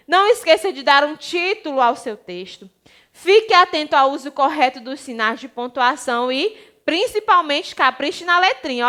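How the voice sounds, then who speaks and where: A woman teacher with a Brazilian Portuguese accent, giving an online lesson to young children and explaining slowly and affectionately. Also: high-pitched, pushed and bright. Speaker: primary school teacher.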